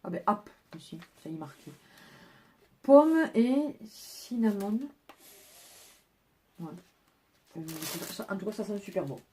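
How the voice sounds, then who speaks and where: A woman's voice: fairly low pitch, fairly quick, darkish tone, a little hiss or hum. Chatty woman showing off her haul. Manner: chatty, talks her viewers through each item. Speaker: haul vlogger. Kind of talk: casual chat, showing purchases to camera.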